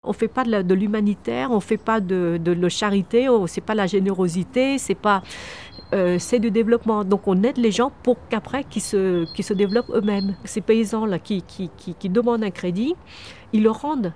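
Sitting outdoors on a wooden terrace surrounded by trees, a woman from Vietnam in her fifties who founded a microcredit charity responds earnestly to an interviewer. She frequently restarts and repeats words, speaking at a normal pace in a medium-pitched, slightly mellow voice.

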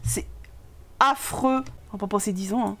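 A young woman giving casual commentary while playing a life-sim game, animated and exclaiming, swearing when things go wrong. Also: medium pitch, normal speed. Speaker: gaming YouTuber. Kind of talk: casual let's-play commentary.

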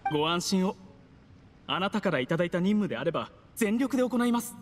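A man's voice: high voice, sing-song, brisk, big-room sound, slight background noise. A man voicing a timid, scheming official in an anime game, speaking in an obsequious, humble and apologetic manner. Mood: servile, eager. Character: timid, servile male official, meek scheming poisoner.

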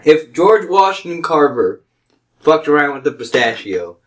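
A man's voice: a little high, very animated, moderate pace, poor audio. An American man in casual comedic podcast chat, telling rambling stories in an irreverent, ranting way. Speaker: podcast host.

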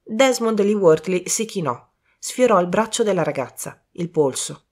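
A woman reading a short story aloud as narrator, in an even, steady storytelling voice. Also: mid-range voice, measured pace. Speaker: audiobook narrator.

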